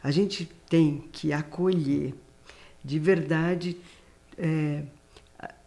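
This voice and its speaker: A woman's voice: sits low, steady tone, drawn-out words, mellow. A woman from Brazil hosting a podcast interview, agreeing with her guest and searching for words as she talks. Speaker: podcast host.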